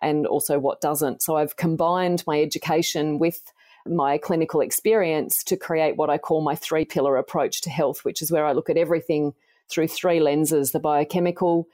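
An Australian woman in her forties, a podcast guest gently and earnestly telling her life story. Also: sits low, fairly even intonation, normal speed.

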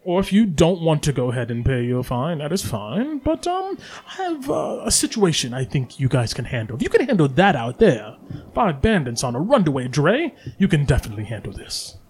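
A man's voice: a little high, big pitch swings, a little fast, darkish tone, a little hiss or hum. A man voicing Volo, a talkative, fussy traveling writer who rambles with theatrical asides. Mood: chatty. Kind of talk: tabletop game voice acting.

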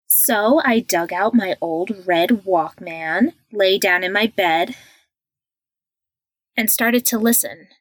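A woman's voice: medium pitch, slow pace, dry recording, low-quality recording. A woman reading a scripted first-person horror story.

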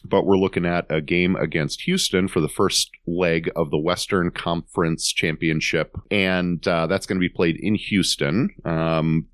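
A very low-voiced man hosts a casual sports podcast, chatty and loose, with plenty of filler words. He has a cold. The sound is dry and close. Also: dry recording. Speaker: podcast host.

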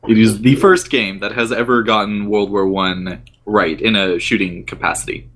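A young man from Rhode Island co-hosting a gaming podcast, earnest and halting, often restarting his sentences. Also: fairly low pitch, fairly even intonation, a bit bright. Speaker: podcast co-host and web developer. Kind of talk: casual podcast chat.

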